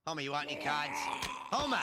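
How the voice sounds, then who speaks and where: An actor voicing a gruff middle-aged male cartoon bartender with a gravelly, sulky and sarcastic delivery. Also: on the high side, big pitch swings, fast. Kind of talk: cartoon voice acting.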